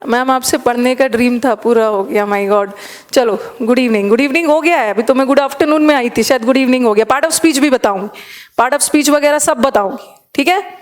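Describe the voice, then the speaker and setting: A high-pitched woman with an Indian accent talks to her students in a live online class. She is chatty and switches freely between Hindi and English as she reads out student comments. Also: normal speed. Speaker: English teacher.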